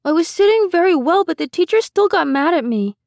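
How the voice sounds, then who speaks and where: A woman voicing a sad, whiny three-year-old boy who drags out his complaints in a high childish voice. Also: animated, gravelly, darkish tone, no room sound, clean studio sound, heavily acted. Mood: upset. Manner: whining, drawn-out childish complaints.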